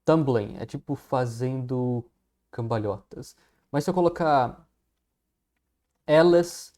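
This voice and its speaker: A man with a Brazilian Portuguese accent giving a casual English lesson, explaining patiently and slowing words down to drill them. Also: mid-range voice, dark tone. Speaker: English teacher.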